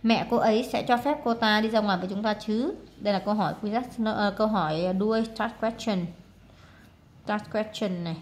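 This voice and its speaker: A woman's voice: medium pitch, fast talker, hardly any pauses, a little hiss or hum. Female teacher, casual exam walkthrough, chatty with fillers. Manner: casual, many fillers, reads words aloud and translates. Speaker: English teacher.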